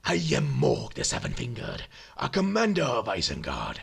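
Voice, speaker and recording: A man growling as a gruff orc commander. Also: sits low, huge pitch swings, normal speed, fairly bright tone, voice pushed down, exaggerated voice. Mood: commanding.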